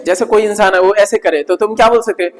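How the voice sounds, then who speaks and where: A male teacher runs a vocabulary class, saying each word over and over at a slow, careful pace. He keeps tacking short check-in questions onto his sentences. His voice rings with a long reverb, as if he is in a large hall. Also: high voice, steady tone. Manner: drills pronunciation by repeating words slowly; peppers speech with "isn't it" tags.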